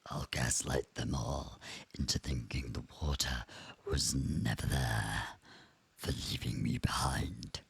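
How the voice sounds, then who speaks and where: A sinister demon voice during a game stream. It rumbles extremely low with a gravelly fry and a husky, breathy whisper. Every word is drawn out slow and threatening. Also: female voice, steady tone, heavily acted. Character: menacing demon with a deep growling voice. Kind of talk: put-on voice during a game livestream.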